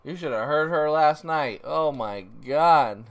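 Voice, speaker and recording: A man's voice: fairly high pitch, expressive, slow. A tired man co-hosting a casual live stream in an easygoing, rambling, jokey way. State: tired, ready for bed. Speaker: live stream co-host and vlogger. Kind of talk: casual livestream chat.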